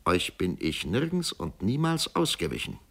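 A man's voice: low-pitched, wildly swooping pitch, normal speed, gravelly, a bit bright, slightly rough, full character voice. A man voicing a bitter wounded ex-soldier. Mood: grim. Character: bitter wounded male ex-soldier, proud and ashamed. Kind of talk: audiobook character voice.

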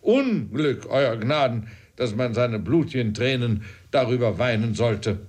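A man reads a devoted corporal servant in a spoken storybook, a soft-hearted soldier whose words come out emotional and pleading. His voice sits at an ordinary middle pitch. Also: lively intonation, a little slow, husky. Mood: lamenting.

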